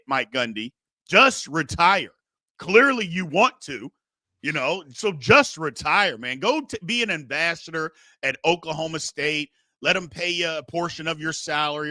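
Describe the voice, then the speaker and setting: A man's voice: fairly high pitch, bright, forceful tone, no room sound. A middle-aged man hosting a sports show, giving blunt, emphatic, casual opinions and repeating his phrases for effect.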